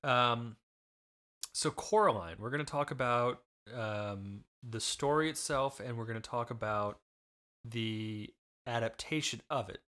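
A man's voice: medium pitch, unhurried, sharp tone. A man in his thirties or forties co-hosting a casual book discussion podcast, patiently steering the conversation and explaining things with plenty of fillers and restarts. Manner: patient, steers the talk back to the topic. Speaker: podcast co-host, father.

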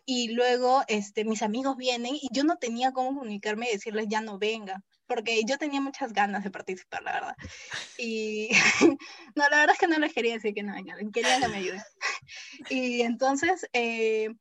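A young adult woman telling a personal story as an interview guest, acting out the quoted dialogue in a lively way. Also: fairly high pitch, normal speed, dry recording.

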